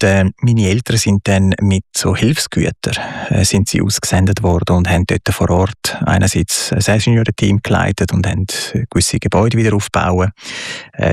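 Swiss German man, low gravelly voice, dry close sound, hesitant interview guest. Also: dry recording. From Switzerland and southern Italy. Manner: hesitant, many fillers and restarts, reflective. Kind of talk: conversational interview.

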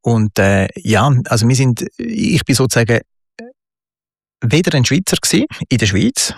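A man with a Swiss German accent, a guest in an interview, telling his story reflectively with many pauses and fillers. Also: mid-range voice, very animated, gravelly, no room sound, clean studio sound. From Switzerland and southern Italy. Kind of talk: conversational interview.

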